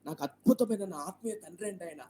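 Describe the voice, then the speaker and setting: A man's voice: sits high, fast talker, slight background noise, pitched above the performer's own voice, close to an everyday voice. A man voicing an amazed eager young man. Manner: excited, questioning.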